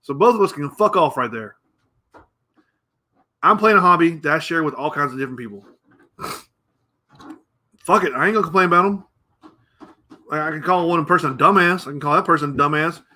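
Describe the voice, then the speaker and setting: A middle-aged American man hosts a show, delivering an opinionated rant that's blunt, profane and rambling. His voice is fairly high and sharp, fairly quick, with long pauses.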